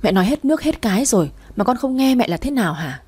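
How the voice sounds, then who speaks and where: A woman voicing a scheming, sharp-tongued old grandmother who nags and sneers while reading a story aloud. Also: on the high side, big pitch swings, fast, breathy edge. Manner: nagging and scornful.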